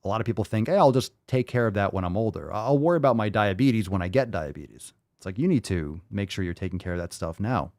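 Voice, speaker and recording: A man in his late thirties hosting a fitness livestream, answering viewer questions in a loose, conversational way that thinks out loud with fillers and restarts. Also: fairly low pitch, expressive, fast, few pauses, no room sound, studio quality. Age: 30s.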